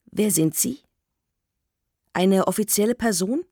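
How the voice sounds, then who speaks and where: A woman voicing a stout, suspicious middle-aged male building official who speaks gruffly and with mounting indignation. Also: mid-range voice, a little slow, warm tone, no room sound, studio quality.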